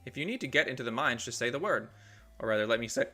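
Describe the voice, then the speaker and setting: A man reading out a talking raven guide in a video game, formal and dryly teasing. The voice sits at an ordinary pitch with a bright, forceful edge, and faint music plays behind. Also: expressive, quick pace. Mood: wry. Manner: formal old-fashioned speech, dry teasing. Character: talking male raven guide, polite and wry. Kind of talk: reading game dialogue aloud.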